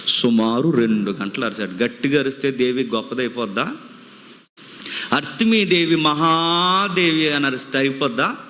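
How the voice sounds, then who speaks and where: A man's voice: mid-range voice, pushed and bright, big-room sound. A man preaching a sermon, retelling a story dramatically and firing off rhetorical questions.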